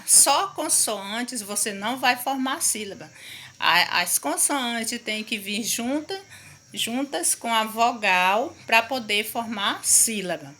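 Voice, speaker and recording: A woman's voice: fairly high pitch, sharp tone. A woman teacher giving a recorded lesson to young pupils, explaining patiently and often checking that they follow. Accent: Brazilian Portuguese. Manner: slow, patient explaining with frequent "não é isso?" checks. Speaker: primary school teacher.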